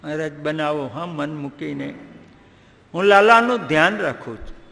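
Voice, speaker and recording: A man's voice: fairly high pitch, normal speed, gravelly, fairly bright tone, long reverb tail. A man voicing a doting mother who fusses over her guest and complains about her mischievous child. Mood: fussing. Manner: pleading, fussing.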